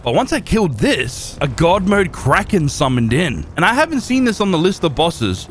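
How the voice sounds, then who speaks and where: An excitable young man narrates his survival game run in a casual recap, his voice riding a little high and swinging widely in pitch. He breaks into sudden reactions as he talks. A faint hiss of noise sits under the recording. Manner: lively and excitable, with sudden exclamations. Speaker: gaming YouTuber.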